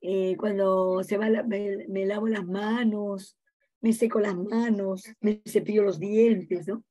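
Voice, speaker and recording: Chatty woman teacher, mellow voice. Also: mid-range voice, fairly even intonation, slow pace, dull audio. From Peru. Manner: chatty, checks in with frequent "no?" tags and fillers. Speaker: college teacher. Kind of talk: informal class lecture.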